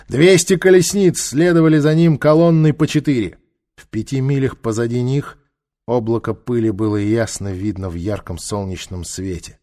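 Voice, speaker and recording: A man narrating an adventure audiobook in a steady storytelling voice. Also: mid-range voice.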